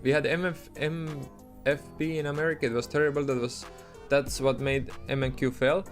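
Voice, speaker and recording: With faint music behind him, an Estonian-accented man offers casual live-stream commentary at a normal speed. His mid-range voice has fairly even intonation, and he chats loosely with his audience, answering chat amid many restarts and fillers.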